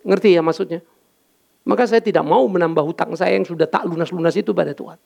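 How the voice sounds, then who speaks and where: Animated gravelly male preacher. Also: high voice, fast. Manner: animated, banters with congregation, mixes in English words. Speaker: pastor. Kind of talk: lively sermon. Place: church.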